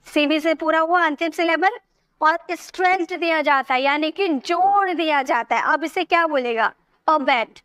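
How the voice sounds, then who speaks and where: High-voiced woman teaching English, close dry sound. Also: a bit bright, no echo. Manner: patient, explains step by step and asks questions to check understanding. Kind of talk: spoken English lesson.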